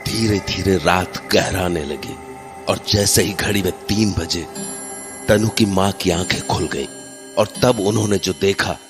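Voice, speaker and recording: A man reads a scripted horror story in a measured, suspenseful manner. His voice is very low, and a clear music bed runs under him. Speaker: narrator. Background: background music.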